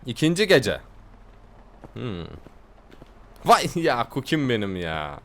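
Slow and sing-song, this young gaming video host's medium-pitched voice sounds fairly bright. He keeps the let's-play commentary casual, joking, laughing a lot and reading translated lines aloud.

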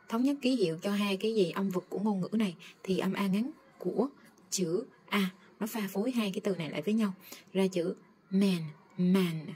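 A woman teaching English phonics, slowly drawing out and repeating each sound as she models it. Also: medium pitch, warm tone, slightly rough. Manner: slow, drawn-out modeling of sounds. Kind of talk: phonics lesson.

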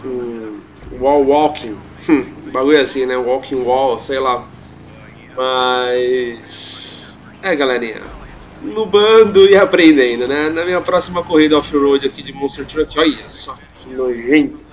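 A man's voice: medium pitch, a little slow. A young man with a Brazilian Portuguese accent, casually commenting over his own gameplay, joking about his mistakes and laughing often. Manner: self-mocking, chatty, laughs often.

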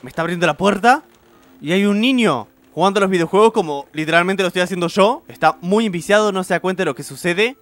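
A young man with a Rioplatense accent talks his way through a creepy game in a high, jittery voice. He yelps and frets at every scare. Faint music plays underneath. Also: fairly bright tone. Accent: Rioplatense Spanish. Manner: jumpy, nervous, yelps at scares. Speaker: gameplay streamer. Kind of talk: horror gameplay commentary.

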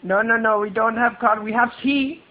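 Making a prank phone call, a man pushes his voice very high, well above his natural pitch, keeping a steady tone. He plays a brash, pushy foreign street trader selling carpets in broken English, talking fast with a rude, insistent hard sell. The line sounds tinny.

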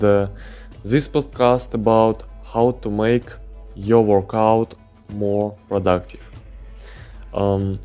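A Ukrainian man whose first language is Russian hosts a fitness channel and delivers a casual podcast monologue indoors, seated on pillows. He speaks slowly in halting English full of fillers, his voice fairly low and a little mellow.

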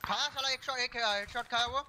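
A man on voice chat as a teammate, making excited, boastful callouts during a shooter game. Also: very high voice, a little fast. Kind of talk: casual gaming chat. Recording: very noisy voice chat line.

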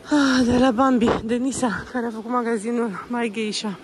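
A Romanian woman in her thirties vlogging casually while walking through a shopping mall, chatting to the camera and gently coaxing her small child, slipping into English phrases. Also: on the high side, steady tone, noisy background. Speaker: vlogger and mother.

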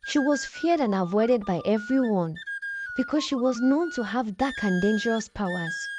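A woman narrating a folktale in a dramatic storybook style, over background music. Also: on the high side. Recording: music bed behind the voice.

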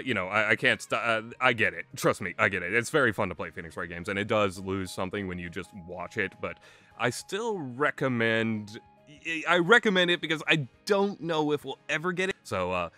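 A video game reviewer offers casual, rambling, opinionated commentary, conversational and emphatic. His voice is fairly low, bright, and forceful. Background music plays under him.

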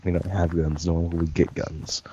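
A man's voice: deep voice, flat delivery, normal speed, warm tone. A man playing along in voice chat, casual and easily panicked, repeating "no" when things go wrong. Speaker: co-player. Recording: dull voice chat with faint hiss.

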